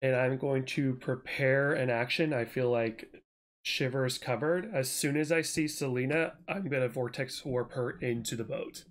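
A player at a tabletop game who talks through the next move at length. They lay out their plans in an animated way, step by step. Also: mid-range voice, moderate pace. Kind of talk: tabletop game play, casual.

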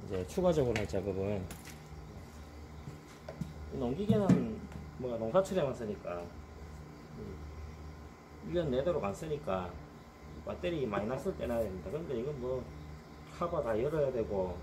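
Outdoor ambient noise surrounds a middle-aged man on a gravel farmyard as he casually walks through a machine repair, speaking bluntly and colloquially and slipping into complaints. His mid-range voice is very animated at a moderate pace, broken by long pauses.

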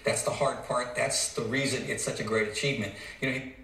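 A man giving earnest, measured studio commentary as a television golf analyst. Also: medium pitch, fairly even intonation, sharp tone, recorded from a distance. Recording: echoey clip played from afar.

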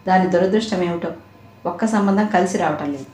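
A woman's voice: fairly low pitch, a little fast, lightly acted. A woman voicing an irritable, tired middle-aged mother who scolds her husband, recorded in an echoey room. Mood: irritated scolding. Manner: sharp, scolding.

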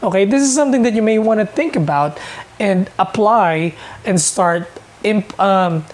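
A man's voice: high-pitched, lively intonation, moderate pace. Filipino guy in his 30s doing a money vlog, chatty and earnest, keeps asking okay?, talks with his hands. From Philippines. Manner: gestures with his hands while talking. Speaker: personal finance vlogger. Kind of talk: talking to camera, mixing English and Tagalog. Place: small indoor room, seated in front of a couch.

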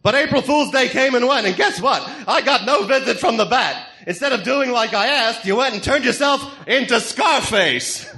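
A man's voice: very high voice, animated, normal speed, hardly any pauses, bright, forceful tone, exaggerated voice. A man playing a manic, sadistic clown supervillain in a comic-book radio drama, taunting theatrically with a cackling, sing-song menace. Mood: exasperated, taunting. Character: manic, gleefully sadistic male clown supervillain, mocking gangster.

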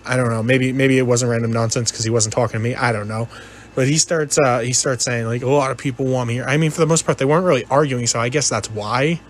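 A man's voice: mid-range voice, fairly even intonation, quick pace, a little hiss or hum. A man telling a personal story in a casual, rambling, conversational way, often hesitating and repeating himself. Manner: hesitant, repetitive, conversational, quotes dialogue. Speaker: gaming video narrator telling a personal story.

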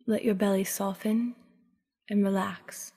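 A woman speaks softly and calmly at an unhurried pace, narrating a guided sleep meditation in the style of a sleep story. Her voice sits at medium pitch, her phrases trail off breathily, and a long reverberant tail follows her voice.

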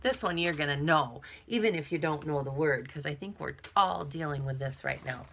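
This middle-aged woman has a low, gravelly voice and reads at a normal speed, with a little hiss or hum audible. She's a teacher reading a picture book to young children, expressive and full of chatty asides, using emphasis and whispers to act out feelings. The setting is a small, cluttered room indoors at home.

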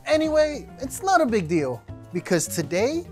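Lively young man gushing about food. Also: extremely high pitch, normal speed, soft background music. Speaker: sketch comedy actor. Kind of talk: comedic sketch explaining a dish.

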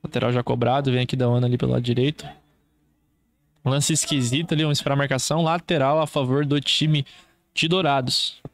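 A man's voice: medium pitch, steady tone, a little fast. A man with a Brazilian accent doing live football play-by-play as a commentator, in short clipped running phrases.

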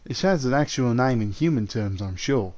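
In a roleplay audio drama, a man with an expressive, natural mid-range voice plays a male dragon in human form. As an eager, possessive suitor, he speaks softly and haltingly to the listener, sounding eager and fond.

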